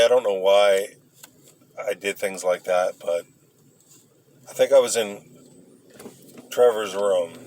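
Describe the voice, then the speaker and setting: A man casually rambling through old memories, halting and hesitant as he searches for details. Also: lowish voice. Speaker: vlogger recounting memories. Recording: noisy, with vehicle and ambient sound.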